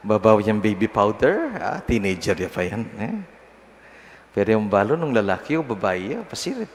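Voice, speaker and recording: Slow-talking priest in a reverberant church. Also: male voice, fairly low pitch. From Pampanga, Philippines. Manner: conversational, teasing, laughs at own examples. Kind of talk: homily at Mass. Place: large church. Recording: long church reverb, faint noise.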